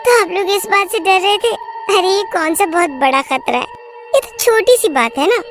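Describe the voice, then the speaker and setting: A woman voicing a cheerful, skeptical young bride who talks in a bright, teasing way. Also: extremely high pitch, animated, normal speed, soft background music, voice pushed up. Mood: mocking.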